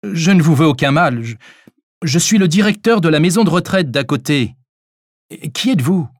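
A man's voice: fairly high pitch, lively intonation, moderate pace, no echo, clean studio sound, voice pushed up. A man voicing a startled, polite doctor who calls out nervously and stammers in an audiobook. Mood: anxious. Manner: hesitant, stammering apologies.

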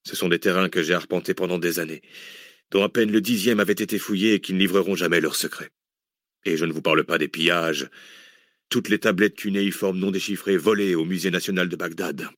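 A man voicing a learned male scholar who lectures in a measured tone in an audiobook. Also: low voice, steady tone, a bit bright, no room sound, studio quality. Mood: earnest. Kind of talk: audiobook character voice.

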